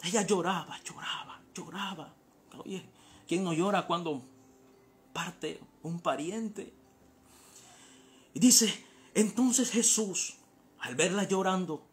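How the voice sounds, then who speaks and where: A male pastor from Panama preaching a sermon, swinging from hushed storytelling to impassioned shouts. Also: sits high.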